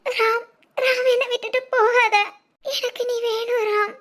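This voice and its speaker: A woman's voice: very high-pitched, steady tone, normal speed, a bit bright. A woman voicing a frightened young bride-to-be who cries and pleads, repeating her partner's name, in an amateur family drama. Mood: pleading, tearful. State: crying.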